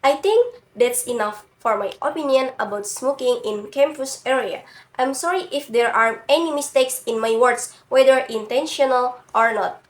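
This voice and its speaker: A young adult university student from Indonesia reads through a prepared class presentation, stuffy from a cold. Her voice is high, and her non-native English comes out careful and slightly halting.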